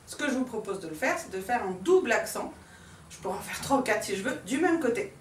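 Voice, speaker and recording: A woman dance teacher giving a calm step-by-step lesson, demonstrating moves and marking accents with short sounds like "pam". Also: a little high, fast, a little hiss or hum. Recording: echoey room from far off.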